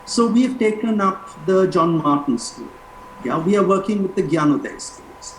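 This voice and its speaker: A man making an emphatic, measured argument as a panel guest, pausing deliberately. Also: high voice, animated. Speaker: panel guest, school alumni representative. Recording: roomy, noisy remote call audio.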